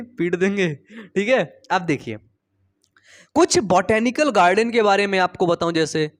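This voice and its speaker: A young man teaching biology in a casual, chatty way, posing questions and answering them himself, with stories mixed in. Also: sits high. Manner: chatty, storytelling, asks and answers his own questions. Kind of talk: casual Hindi lecture.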